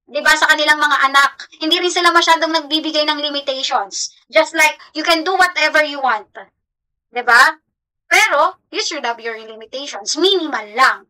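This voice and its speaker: A woman's voice: sits high, sharp tone, poor audio. A Filipino woman teacher giving a class lecture, switching between Tagalog and English and often checking in with the listeners.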